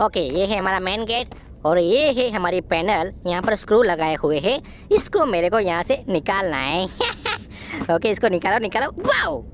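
A woman giving excitable, giggly commentary over a horror game, boasting and joking. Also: medium pitch, a little slow, a little hiss or hum. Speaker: gameplay YouTuber. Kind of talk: let's-play commentary.

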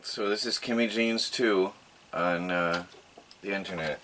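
A man's voice: deep voice, unhurried, sharp tone, a little hiss or hum. A middle-aged man in casual chat as a vlogger, laughing often, filmed by a camera across a small wooden cabin living room.

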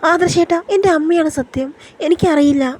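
A woman's voice: high voice, normal speed, a little mellow, lightly acted. A woman voicing a scheming young man who mocks his cousin's wife and then denies everything. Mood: pleading. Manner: mocking, then defensive denials.

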